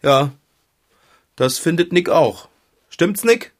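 A man voicing a friendly shopkeeper who owns a cat, cheerful and chatty, with a husky voice. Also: a little high, animated, slow pace. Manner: cheerful, talks to an invisible friend.

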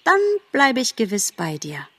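A woman's voice: medium pitch, very animated, unhurried, pushed and bright, breathy edge, full character voice. A woman voicing a playful young female deer, coy and teasing in a storybook reading.

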